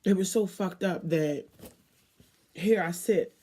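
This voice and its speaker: Mellow, dark-voiced woman speaking candidly. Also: fairly low pitch, slightly rough. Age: 30s. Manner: candid, swearing, emphatic pauses. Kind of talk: personal emotional monologue.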